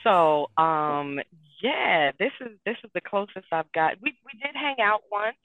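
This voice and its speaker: A woman's voice: mid-range voice, unhurried, no room sound. A woman of about fifty co-hosting a casual podcast chat, telling a dating story and acting out her own lines. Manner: animated storyteller, acts out her own quotes. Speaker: co-host. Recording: tinny phone-like line.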